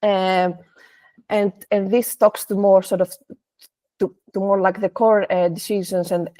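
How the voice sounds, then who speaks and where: A woman presents a technical talk, often restarting her sentences and pausing on fillers. Her pitch sits in the middle range, and the sound is dry and close. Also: level tone, mellow, no room sound. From Greece. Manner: hesitant, many restarts and fillers. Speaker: presenter, senior data scientist.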